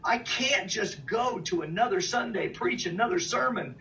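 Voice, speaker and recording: A man's voice: high voice, lively intonation, moderate pace, pushed and bright. A man, a minister, speaking in an emphatic preaching style, drawing out key phrases. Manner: emphatic, draws out key phrases, lists places. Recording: distant, dull mic with faint noise.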